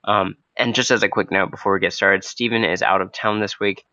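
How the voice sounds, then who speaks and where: A young man with a low, froggy voice, hoarse from a cold, hosts a podcast off the cuff. His delivery is casual and hesitant, with a bright, forward edge. The recording is close and dry. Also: fairly even intonation, brisk, no room sound, dull audio. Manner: hesitant, loosely unscripted. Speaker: podcast host. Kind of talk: casual, spontaneous podcast talk.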